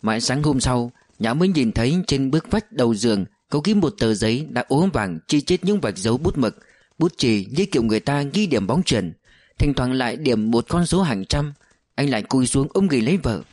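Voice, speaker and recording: A man narrating a novel as an audiobook, with steady storytelling delivery. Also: medium pitch, dry recording.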